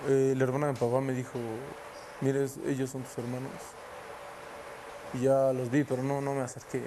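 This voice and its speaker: A man speaks in a halting, soft-spoken way, recalling a painful memory for an interview. His voice sits at a middle pitch. A clear layer of background noise runs under the recording. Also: completely flat delivery. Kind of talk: recounting a personal memory.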